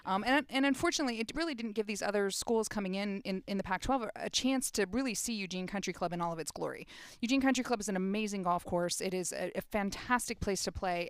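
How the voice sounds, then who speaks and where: Woman, middle-aged, quick casual talk, crisp clear voice, dry close sound. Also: mid-range voice, no echo. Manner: quick, chatty, laughs at herself. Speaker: compliance officer and guest. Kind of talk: casual radio chat.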